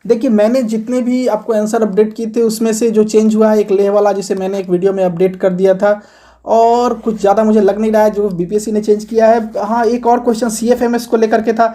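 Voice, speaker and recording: A man gives an exam coaching lesson in a calm, conversational voice. His tone is soft and mellow rather than bright, and he works through each point in turn, like a teacher talking straight to his students. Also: high voice, a little fast. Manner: conversational, steady point-by-point explaining. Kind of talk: explanatory video lesson.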